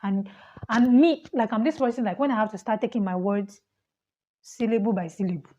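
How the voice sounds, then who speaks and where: Fast-talking Nigerian woman vlogger, mellow voice. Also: medium pitch, highs cut off. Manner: self-described fast talker, laughs often, animated. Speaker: vlogger, international student. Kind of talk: casual talk to camera.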